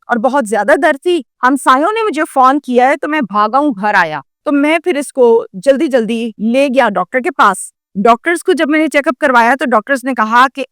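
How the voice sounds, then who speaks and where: A woman's voice: on the high side, fairly bright tone, no room sound, clean studio sound. A woman vlogger narrating a true crime story in an earnest, dramatic storytelling manner and voicing the people in it. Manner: earnest, acts out quotes.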